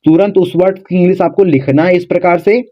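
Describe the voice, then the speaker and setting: A man teaching viewers how to spell words, who spells letters out slowly and keeps checking in with "okay". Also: high-pitched, steady tone. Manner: repeats "theek hai" often, spells letters out slowly. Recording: dull lo-fi sound.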